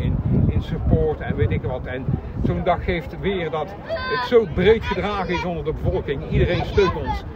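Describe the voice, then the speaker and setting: A man giving a casual post-event interview, speaking earnestly and haltingly. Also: on the high side, distant mic. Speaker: interviewee at a charity cycling event. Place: outdoor square with crowd. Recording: muffled outdoor recording, crowd and traffic noise.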